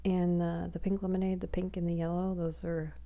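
A woman chatting softly for ASMR on a small close microphone, rambling, whispery and giggly. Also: fairly low pitch, level tone, brisk. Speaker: ASMR creator. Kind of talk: soft-spoken ASMR chatting.

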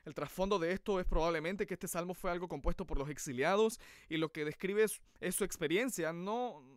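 A man's voice: sits high, brisk, dry recording, clean studio sound. A man preaching a sermon in an earnest, emphatic way.

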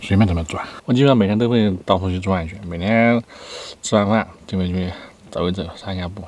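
A man's voice: low-pitched, quick pace, darkish tone, a little hiss or hum. A man in his thirties chatting casually to camera between bites while eating inside a car. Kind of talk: casual mukbang chat.

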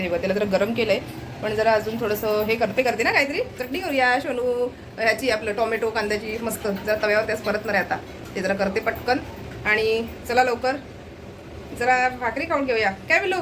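A woman chatting to viewers in a casual home vlog, showing what she cooks. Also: fairly high pitch. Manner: chatty, addresses viewers as friends, shows food. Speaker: vlogger. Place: home kitchen. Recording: home video with noise.

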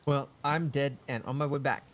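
A man's voice: mid-range voice, fairly even intonation, normal speed, a little hiss or hum. A man chatting casually while playing a co-op survival game, joking and squealing when startled. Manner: goofy, laughs often, squeals when startled. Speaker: gaming channel host. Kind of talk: casual co-op gameplay chat.

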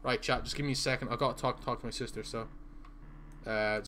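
A young adult Irish man live-streams from a small indoor room, chatting casually with viewers as he plays, reading their messages aloud and sometimes stuttering. His mid-range voice is brisk, pushed and bright, with fairly even intonation and slight background noise.

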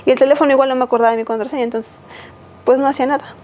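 A Mexican woman in her thirties, a podcast guest giving a personal testimony, talking haltingly with many fillers and restarts. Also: high-pitched, steady tone, a little mellow, slight background noise, rough recording. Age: 30s.

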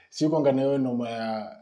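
A Kenyan man in his thirties chats as a guest actor, easygoing and quick to laugh. He switches between English and Sheng in a casual way, close to a studio boom mic in a small room. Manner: relaxed, mixes English and Sheng, laughs often. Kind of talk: casual interview chat. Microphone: studio mic on boom arm.

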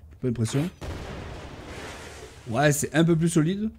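Excitable man voicing his gameplay. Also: fairly high pitch, a little slow, slight background noise. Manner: excitable, talks to his tamed animals, shouts and cheers in fights. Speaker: gaming YouTuber. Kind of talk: casual gameplay commentary.

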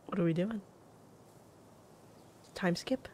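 Wry, low-pitched woman game streamer. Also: takes it slowly, a little mellow, slight background noise. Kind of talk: casual gameplay commentary, reacting and reading text aloud.

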